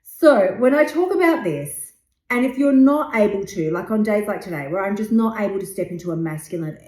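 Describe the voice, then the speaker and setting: A woman's voice: medium pitch, lively intonation, brisk, a little mellow. Woman, 50s, podcast host, blunt, emphatic, swears, roomy echo. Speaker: podcast host and weight loss coach. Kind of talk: motivational podcast monologue.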